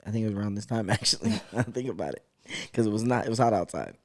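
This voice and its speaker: A man's voice: fairly low pitch, expressive, racing, no echo, studio quality. A man hosting a podcast in casual chat, joking, swearing and laughing often. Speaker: podcast host.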